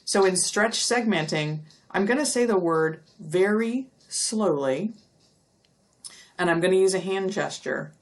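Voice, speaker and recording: A middle-aged woman giving a recorded lecture, explaining step by step and stretching out speech sounds slowly to demonstrate them. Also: medium pitch, lively intonation. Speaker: university lecturer.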